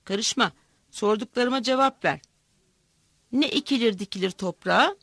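A woman voicing a fierce, grieving old village woman who shouts her defiance in a storybook reading. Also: a little high, moderate pace, dry recording. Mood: furious.

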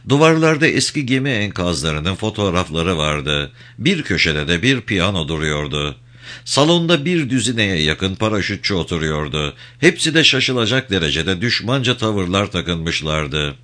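A man narrating an audiobook with an expressive reading. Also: low-pitched.

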